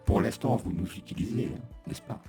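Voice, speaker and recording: A low, dark half robot voice of a rebellious male machine , put on by a man through a flanger filter. It sounds hollow and metallic with a sweeping whoosh, and it warns its users in a sinister tone. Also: lively intonation, a little fast, soft background music. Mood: menacing. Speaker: video editing tutor.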